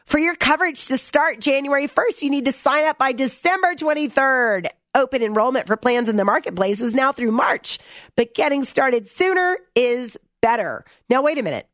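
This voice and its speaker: Sarcastic woman ranting, lively pitch. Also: normal speed, no echo, clean studio sound. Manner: sarcastic, blunt, exasperated; reads text aloud and mocks it. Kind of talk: opinion commentary.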